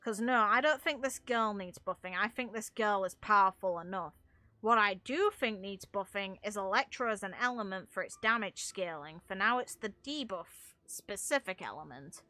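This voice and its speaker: Animated and speaking at normal speed, a woman with a medium-pitched, pushed, bright voice gives opinionated game commentary over soft background music, with no room sound. The gaming streamer and video creator is casual, blunt, and informal, swearing mildly.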